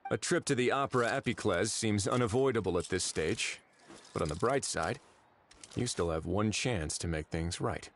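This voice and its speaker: A man's voice: lowish voice, normal speed, a little hiss or hum, natural voice. An actor voicing a composed, authoritative male investigator in a video game.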